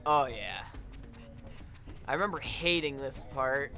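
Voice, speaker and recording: A young man giving casual, profane gameplay commentary, getting excitable and swearing often as he plays. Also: mid-range voice, takes it slowly, vocal fry, faint music behind. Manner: excitable, swears a lot, yells at the game. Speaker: let's play gamer.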